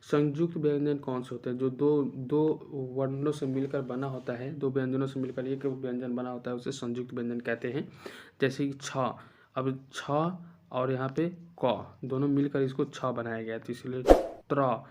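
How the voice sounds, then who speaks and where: Male tutor, exam-prep grammar class, mid pitch, repeats and quizzes the listener as he goes. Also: flat delivery, normal speed, darkish tone. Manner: repeats points and asks rhetorical questions to drill students. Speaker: teacher.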